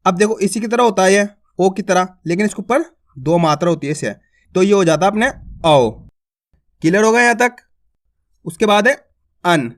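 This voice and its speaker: Male teacher, casual and friendly with viewers, patient, repeats each vowel slowly and clearly. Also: high-pitched. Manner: patient, repetitive, drawn-out vowel drills; addresses viewers as friends, colloquial. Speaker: Hindi teacher. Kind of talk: beginner alphabet lesson.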